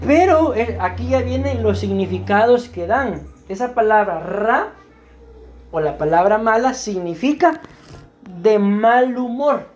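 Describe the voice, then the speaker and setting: A man's voice: high voice, a little mellow, a little hiss or hum. A male pastor preaching a teaching sermon in a church, explaining step by step, often asking "right?" and putting questions to the congregation. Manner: explanatory, checks understanding with frequent "¿verdad?"; questions the congregation and waits for answers.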